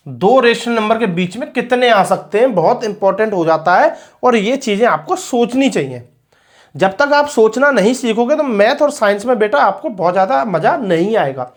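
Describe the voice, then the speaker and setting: High-voiced patient man teaching maths. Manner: patient, repeats points, calls students beta, counts out steps slowly. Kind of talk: classroom-style maths lesson.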